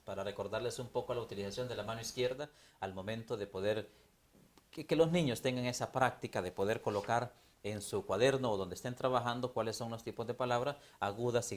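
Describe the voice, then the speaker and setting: A Honduran man with a mid-range voice co-hosts an educational TV lesson. He talks formally and directly to the viewers, recorded close on a studio mic. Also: medium pitch. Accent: Honduran Spanish. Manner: formal, addresses the audience. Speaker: teacher co-host.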